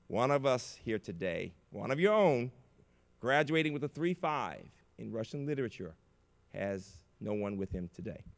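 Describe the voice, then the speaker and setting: An older man giving an inspirational keynote speech at a conference, telling stories with big emotional swings in loudness. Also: mid-range voice, very animated, normal speed, vocal fry. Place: large conference auditorium. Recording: reverberant conference hall.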